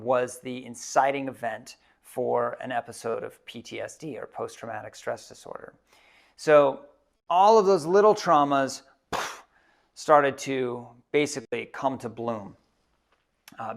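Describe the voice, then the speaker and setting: A man in his thirties giving a reflective personal storytelling talk as a keynote speaker, halting often with fillers. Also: mid-range voice, vocal fry.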